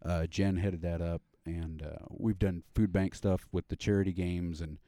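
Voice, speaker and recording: A deep, mellow man hosting a casual podcast chat. He rambles along with plenty of fillers and restarts. The sound is dry and close. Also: steady tone, moderate pace, no room sound. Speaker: podcast host.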